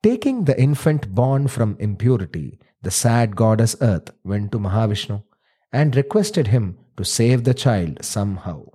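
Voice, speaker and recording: A man's voice: fairly low pitch, sing-song, measured pace, dark tone, breathy edge. A man with a South Indian accent who hosts and tells stories in Indian English phrasing. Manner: uses Tamil words and Indian English phrasing. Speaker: host and storyteller. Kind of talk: scripted storytelling and playful family dialogue.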